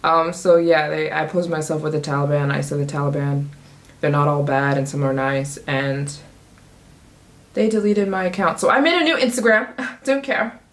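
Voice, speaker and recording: With a low-pitched voice at normal speed, this young woman in her twenties vlogs about travel in a bubbly, jokey way, laughing frequently as she jumps from subject to subject.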